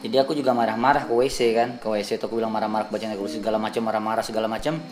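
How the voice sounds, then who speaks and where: A man's voice: on the low side, racing, over music. A young man from Indonesia telling a ghost story to the camera in a casual vlog, acting out the voices of the people in it. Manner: animated storyteller, acts out quoted voices. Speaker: vlogger.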